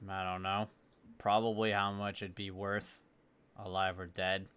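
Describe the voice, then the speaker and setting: A gruff junk-shop merchant in a tabletop game, acted out by a man. He talks loudly and brusquely in plain folksy words, cagey and guarded with his customers. The delivery is unhurried and clear. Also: deep voice, flat delivery. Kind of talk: tabletop role-play character.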